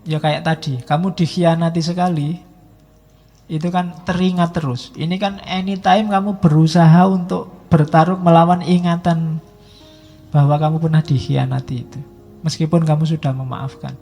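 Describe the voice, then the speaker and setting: A man's voice: fairly high pitch, little pitch movement, normal speed, creaky, dark tone. A middle-aged man giving a public lecture, talking in a conversational, teasing way and stretching out words for emphasis. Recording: echoey hall with faint music.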